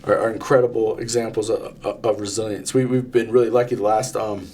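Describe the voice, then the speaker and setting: A man's voice: on the low side, level tone, a little fast, darkish tone, a little hiss or hum. A man of fifty, co-hosting a podcast, talking earnestly in long stories with many restarts. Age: 50s. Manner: earnest, repetitive restarts, storytelling. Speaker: podcast co-host. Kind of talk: casual podcast conversation.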